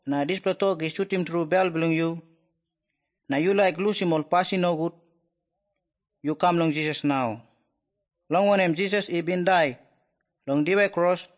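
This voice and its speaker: A man delivering an evangelistic gospel message as a preacher. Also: high-pitched.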